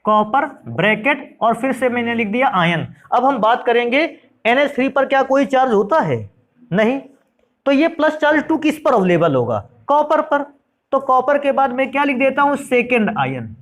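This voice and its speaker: Speaking at a normal speed, a man with a very high, sing-song, slightly bright voice gives a friendly chemistry lecture. He asks his class questions, supplies the answers himself, and calls the students "beta" and "bhaiya."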